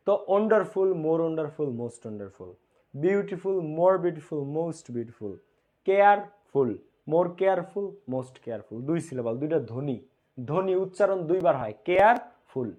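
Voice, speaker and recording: Guy teaching grammar online, kinda high voice, keeps saying okay? and repeats stuff slowly. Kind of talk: online class lecture.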